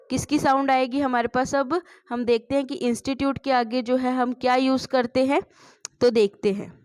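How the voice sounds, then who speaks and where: A woman's voice: high voice, clear, resonant tone. A woman teaching a spoken English lesson, asking the class questions and answering them herself.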